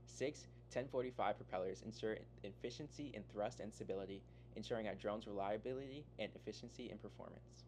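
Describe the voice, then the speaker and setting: A man's voice: on the low side, a little fast, hardly any pauses, darkish tone, slight background noise. A teenage boy from Florida reading a scripted presentation, listing technical parts. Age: teens. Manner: reads technical lists. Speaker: student presenter.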